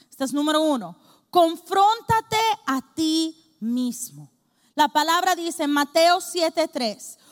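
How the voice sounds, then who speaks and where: High-voiced Dominican woman preaching. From Dominican Republic. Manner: lively, acts out scenes and asks the crowd questions. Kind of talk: sermon. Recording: long hall reverb.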